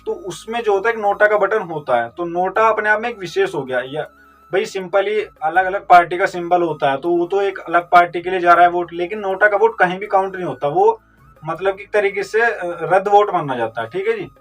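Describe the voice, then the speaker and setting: High-voiced man teaching from a distant mic. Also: brisk, fairly bright tone. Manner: explains step by step, asks and answers own questions. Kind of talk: vocabulary lesson with memory tricks. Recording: distant mic with faint music.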